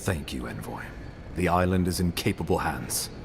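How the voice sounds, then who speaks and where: Very deep, formal imperial ambassador. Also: male voice, animated, vocal fry, background noise. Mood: formal, courteous. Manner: formal, measured, eloquent. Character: formal, earnest imperial ambassador, grave and courteous man. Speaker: game character actor. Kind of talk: dramatic video game dialogue.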